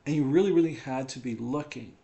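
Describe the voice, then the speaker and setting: A man's voice: medium pitch, fast, gravelly, warm tone, muffled recording. A man in a home living room, casually telling a personal testimony, rambling and checking in with "right?" and "okay?".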